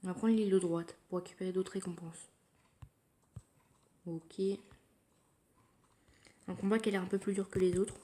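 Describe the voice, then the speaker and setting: Low-voiced woman quietly narrating gameplay. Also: fairly even intonation, moderate pace, long pauses. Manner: quiet, thinking aloud, low-key. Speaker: mobile gamer narrating her play. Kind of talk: casual gameplay commentary. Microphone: phone screen recording.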